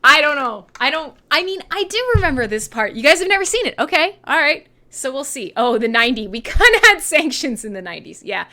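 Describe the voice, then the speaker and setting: A Canadian-accented woman in her thirties hosts a radio show, chatting with listeners in an irreverent, sweary, sarcastic way. Her voice is high-pitched and a little fast with hardly any pauses, and she's animated and laughs often.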